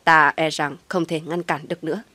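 A woman's voice: deep voice, steady tone, a little fast, sharp tone, dry recording. A woman voicing a stern, controlling older mother who speaks firmly and insistently.

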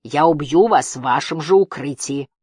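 A giant male toad monster in a spoken storybook, cruel and gloating, hissing in a hoarse, breathy voice that stays low and slow, as the reader puts him on. The sound is close and dry, with no room around it. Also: no echo, natural voice. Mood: menacing. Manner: quiet, slow and menacing.

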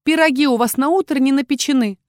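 A woman voicing a fiery, quick-tempered young witch heroine who speaks in loud, raised, indignant outbursts. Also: high voice, no room sound, studio quality, voice pushed up, close to an everyday voice.

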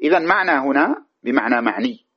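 Fast-talking husky male grammar teacher. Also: medium pitch, lively intonation. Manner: asks and answers his own questions; recites lines of verse slowly. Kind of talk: classical grammar lesson explaining verse. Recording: dull lo-fi recording.

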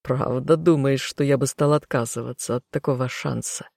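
A woman reading an audiobook, voicing a cold, sneering young nobleman husband with a low, growling, hushed delivery. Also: steady tone, moderate pace, creaky, no echo, studio quality, heavily acted. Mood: contemptuous.

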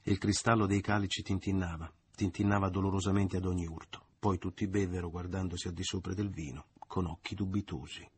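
A man narrating a literary audiobook in a measured, deliberate reading. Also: deep voice, steady tone, breathy edge. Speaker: audiobook reader.

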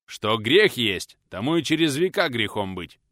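A man voicing a bearded former outlaw, pious and stubborn, speaking in a gruff, drawling, emphatic way. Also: fairly low pitch, big pitch swings, normal speed, sharp tone, no echo, clean studio sound.

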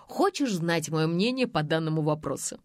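A woman's voice: sits low, lively intonation, moderate pace, dry recording, clean studio sound. Woman doing a teasing, laughing man friend. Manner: teasing and mocking. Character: mocking, laughing male friend.

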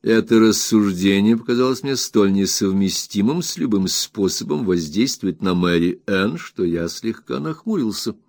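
A man narrating an audiobook in a measured, storytelling manner. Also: lowish voice, lively intonation, a little mellow, no room sound, studio quality. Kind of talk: expressive scripted narration.

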